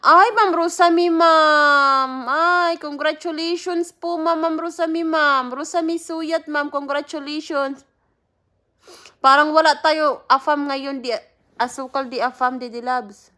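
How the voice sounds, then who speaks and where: A woman's voice: high-pitched, fairly even intonation, slow pace, bright, forceful tone. A Filipina woman, chatting casually on a livestream, greeting viewers by name and laughing often. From Philippines. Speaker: livestream host.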